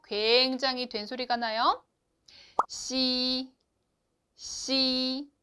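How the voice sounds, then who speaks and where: A woman teaching a beginners' Chinese lesson, explaining clearly and asking the learners to repeat after her. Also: sits high, bright, forceful tone. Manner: slow, clear instruction with drawn-out model syllables; addresses learners directly and asks them to repeat. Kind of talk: online lesson.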